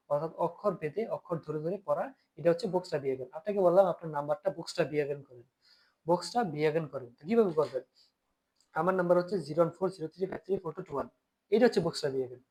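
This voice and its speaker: A man with a Bangladeshi Bengali accent is teaching German vocabulary. His voice sits a little high, and he asks questions, answers them himself and keeps checking in with his students. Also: darkish tone. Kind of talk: lesson explaining vocabulary.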